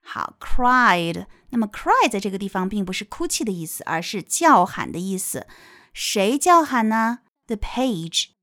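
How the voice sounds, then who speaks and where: A young woman teacher explaining a picture book line by line, with lively rises in her voice. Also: medium pitch, no room sound, clean studio sound. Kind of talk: picture-book reading lesson.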